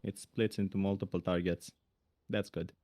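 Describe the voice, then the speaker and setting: A man's voice: deep voice, little pitch movement, normal speed, mellow. A man co-hosting a casual livestream, giving blunt, opinionated critiques of game jam entries. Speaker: stream co-host reviewing game jam entries.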